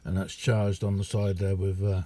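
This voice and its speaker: In a small indoor radio room, a middle-aged ham radio enthusiast gives a relaxed, hands-on video walkthrough of his gear. He speaks in a deep, mellow monotone at normal speed, rambling along with understated, self-deprecating humor.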